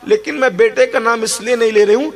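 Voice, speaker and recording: Devoted elderly mother in a sermon story, a male preacher doing her, high-pitched and rising to shouts in defense of her son. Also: some chatter behind. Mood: indignant.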